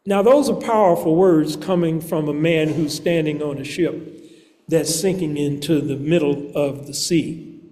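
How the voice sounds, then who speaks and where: Slow high-voiced male preacher in a hall. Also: dark tone. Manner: slow, measured preaching with deliberate pauses. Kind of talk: sermon. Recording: long reverb of a large hall.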